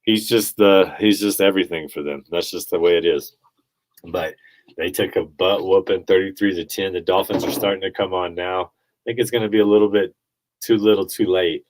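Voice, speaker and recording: A man's voice: deep voice, steady tone, normal speed, rough recording. A male podcast host giving blunt, opinionated sports commentary in a casual chat style, laughing at his own takes.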